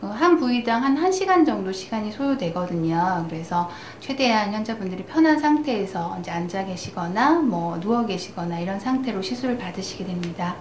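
A woman dermatologist calmly explaining a procedure in formal terms at her clinic. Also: medium pitch. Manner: calm, measured, formal explanation. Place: clinic consultation room. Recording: echoey clinic room, faint noise.

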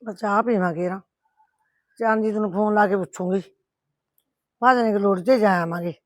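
Her voice is medium-pitched and natural, at normal speed, with no room sound. This middle-aged woman portrays a stern, loving village mother in a rural family drama, scolding her daughter bluntly while also comforting her.

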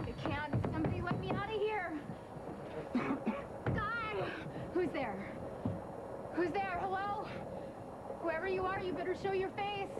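An actress playing a hurt, guarded young woman in a soap opera, speaking softly and hesitantly, on a noisy tape. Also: very high voice. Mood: panicked. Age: young adult.

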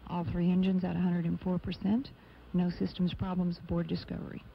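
A man giving live technical flight commentary as a mission control announcer, formal and measured. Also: high-pitched, monotone, gravelly. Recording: dull lo-fi broadcast, faint noise.

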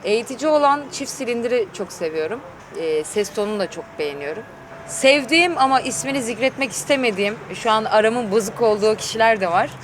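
A woman's voice: fairly high pitch, animated, fast. A woman chatting casually as an interview guest, giving her opinions frankly. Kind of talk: casual outdoor chat interview. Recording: clear outdoor traffic and vehicle noise. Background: urban outdoor ambience with vehicles.

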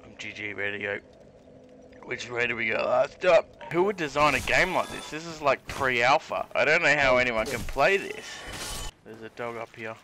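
A man, hosting drunken gameplay commentary with loud swearing and laughing outbursts. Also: mid-range voice, animated, moderate pace. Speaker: gaming channel host.

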